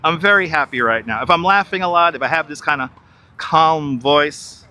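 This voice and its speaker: A middle-aged New Yorker live streams while walking outdoors along a river, using a wireless clip-on mic. His fairly high voice is pushed and bright at a normal speed. He chats with viewers, reads their comments aloud and answers them, often repeating himself.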